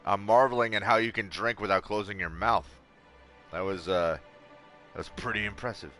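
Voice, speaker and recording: A man's voice: fairly low pitch, steady tone, normal speed, bright, forceful tone, faint music behind. A man giving casual let's play commentary, with wry, joking asides to the game's characters.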